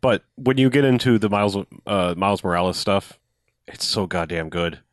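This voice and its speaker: Low-voiced enthusiastic guy chatting. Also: moderate pace, no echo, studio quality. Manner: enthusiastic, rambling with restarts and swearing. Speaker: podcast co-host. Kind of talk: casual chat about a video game.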